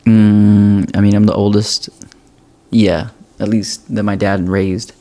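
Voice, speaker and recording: A man's voice: lowish voice, little pitch movement, slow pace, warm tone. A man in his twenties co-hosting a podcast, speaking frankly and laid-back in casual chat. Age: 20s. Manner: laid-back, frank, lots of "you know". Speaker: podcast co-host.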